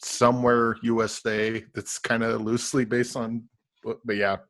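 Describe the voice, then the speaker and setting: A man co-hosting a film podcast, giving his opinion in a halting way with many ums and uhs. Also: medium pitch, flat delivery, fairly bright tone. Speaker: film reviewer, podcast co-host. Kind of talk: casual podcast chat.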